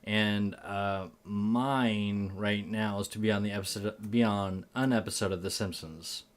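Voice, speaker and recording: A man's voice: on the low side, steady tone, unhurried. A man co-hosting a podcast, talking in a laid-back, chatty way with frequent fillers. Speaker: podcast co-host. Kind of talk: casual chat.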